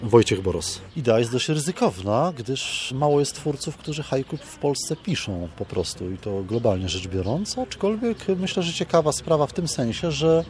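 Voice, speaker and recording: A man's voice: medium pitch, big pitch swings, normal speed, hardly any pauses, a little mellow, a little hiss or hum. A man answering a reporter's questions in a thoughtful, reflective way. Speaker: contest participant. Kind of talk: interview answers.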